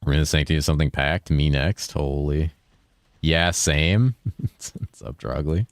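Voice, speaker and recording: Playing a game live, this easygoing young man rambles, swears often, and reads his chat out loud. He speaks a touch slowly in a very low voice held a little higher than where it naturally rests, and the recording is dry and close with almost no room sound.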